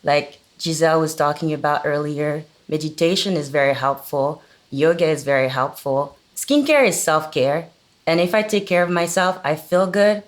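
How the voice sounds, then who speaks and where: A young woman with a notably low voice talks on a video-call panel. She is a model and sounds casual and relaxed. She says "like" a lot. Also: moderate pace. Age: young adult. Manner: casual, with frequent "like". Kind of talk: panel discussion.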